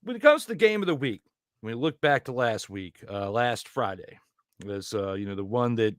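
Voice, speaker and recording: A man hosting a casual football talk show, joking and rambling with quick asides. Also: medium pitch, animated, no room sound, studio quality. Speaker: podcast host. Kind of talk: casual sports chat.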